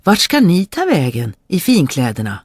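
A storyteller voicing a foolish, cheerful young peasant brother who shouts eagerly in a dry recording. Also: mid-range voice, wildly swooping pitch, no echo, pitched above the performer's own voice. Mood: eager, boisterous.

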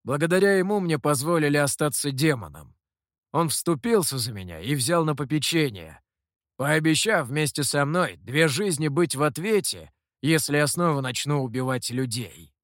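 A man's voice: a little high, expressive, dry recording, studio quality. A man voicing a brusque, hot-tempered male monkey demon in a storybook reading. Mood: serious. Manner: brusque, quick to shout.

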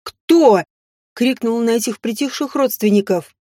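A woman reading a first-person audiobook with acted dialogue, in an expressive, dramatic way. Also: fairly high pitch, normal speed, no room sound, studio quality. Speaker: audiobook narrator.

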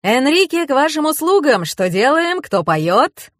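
Woman doing a hyped loud young dude from a video crew, shouty, dry close recording. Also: high voice, very animated, no room sound, pitched above the performer's own voice, exaggerated voice. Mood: excited. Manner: shouting, hyped, fast-talking.

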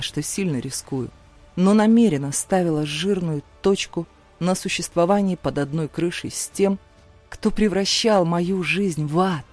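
A woman's voice: fairly low pitch, a little mellow. A woman reading a first-person story as an audiobook narrator, in a dramatic, emotional storytelling manner.

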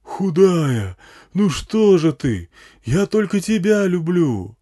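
A man's voice: high-pitched, very animated, slow pace, warm tone, voice pushed up, exaggerated voice. A man doing a bellowing gang boss. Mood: pleading. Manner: bellowing, crude, wheedling. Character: boastful wasteland gang boss, man, shouting.

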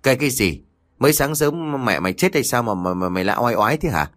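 A man voicing a shrill, grief-stricken older mother in a told horror story, wailing in a frantic way. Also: lively intonation, fast, a bit bright, natural voice. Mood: scolding. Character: shrieking old woman, grieving, shrill mother.

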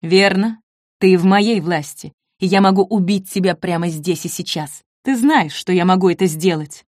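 A woman's voice: lowish voice, normal speed, a little mellow, dry recording, natural voice. A woman voicing a harsh, menacing male German officer in a dry, close recording. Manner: threatening, contemptuous.

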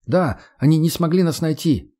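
Guy doing a freaked-out teen boy, high and pushy, soft mellow tone. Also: expressive, normal speed. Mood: insistent. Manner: high, strained, emotional pleading. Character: scared pleading teenage boy, shrill and insistent.

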